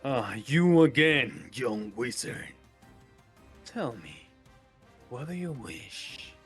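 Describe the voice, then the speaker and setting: Booming, distant voice of a haughty wand spirit, slow and lordly, played by a man. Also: very animated, soft background music. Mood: testing. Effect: distant booming voice, as if magically amplified.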